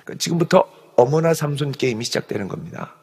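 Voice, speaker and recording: A man with a medium-pitched, slightly rough voice speaks fast, preaching an early-morning sermon as a pastor. He is animated and playfully acts out the story while explaining it. The church sanctuary gives a long hall reverb.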